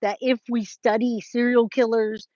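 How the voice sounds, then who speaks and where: Her pitch is fairly high, her delivery flat and measured, her tone a little mellow, recorded dry with the highs cut off. She's a true crime livestream host in her forties from California, casually responding to viewer comments. Informal and emphatic, she repeats herself for effect and addresses people as guys, babe, and my love.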